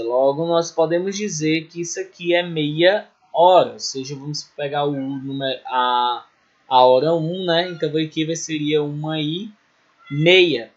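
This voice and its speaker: A man's voice: a little high, a bit bright. A male English teacher with a Brazilian Portuguese accent, going over a lesson review for students and checking in often with "certo?" and "beleza?". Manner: explains slowly, repeats and checks with "certo?" and "beleza?". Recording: dull lo-fi recording.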